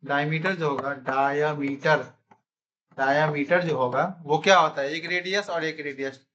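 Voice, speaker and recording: A man's voice: fairly high pitch, fairly even intonation, moderate pace, a bit bright, highs cut off, a little hiss or hum. A man teaching a classroom math lesson in speech, constantly quizzing his students with repeated questions.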